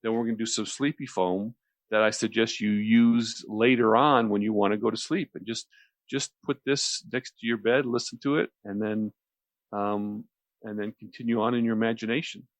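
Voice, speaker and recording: Heard close and dry with no echo, a deep-voiced radio host explains a relaxation technique at a moderate pace and in a steady tone. He talks conversationally, drifting a little and often saying a phrase again before moving on.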